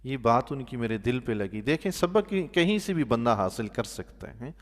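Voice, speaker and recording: Imam preaching in a long-reverb hall. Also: male voice, medium pitch. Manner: animated storyteller, voice swelling loudly on emphatic points; drops to a soft, quiet tone for pious exclamations. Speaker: mosque imam giving Quran commentary. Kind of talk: sermon-style Quran commentary with storytelling.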